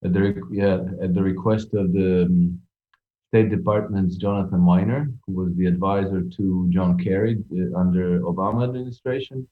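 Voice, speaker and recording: A man from Croatia, an author guest on a panel, speaking haltingly with many fillers. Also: deep voice, steady tone. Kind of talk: casual panel talk. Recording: tinny phone-like line.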